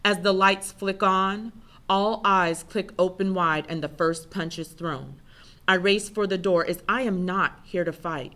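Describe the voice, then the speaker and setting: A woman giving an intense, measured first-person spoken word performance. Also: lowish voice, pushed and bright.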